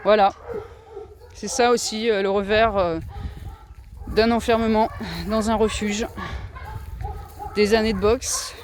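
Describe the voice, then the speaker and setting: A shelter worker giving a casual tour of an outdoor dog shelter, hesitant with many filler sounds, now and then slipping into high coaxing baby talk. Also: little pitch movement, slow, pauses often. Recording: noisy shelter yard with barking dogs. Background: dogs barking.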